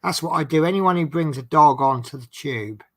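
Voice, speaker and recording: A man's voice: fairly high pitch, normal speed. A man with a Norfolk accent chatting casually in a jokey, self-deprecating, rambling way as he hosts a live stream. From Norfolk, England. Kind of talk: casual chat.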